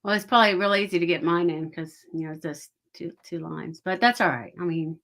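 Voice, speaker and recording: Bright Texan woman with soft, w-like R's. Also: on the low side, fairly even intonation, a little fast. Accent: Texas. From Texas, United States. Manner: soft R's and W's that blur together, w-like r. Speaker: guest, author and audiobook voice actor. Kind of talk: casual chat.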